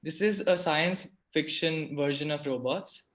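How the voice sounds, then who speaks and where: A man's voice: fairly high pitch, unhurried, fairly bright tone. A man hosting a talk series, reading a formal scripted introduction and then asking his guests questions. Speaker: podcast host.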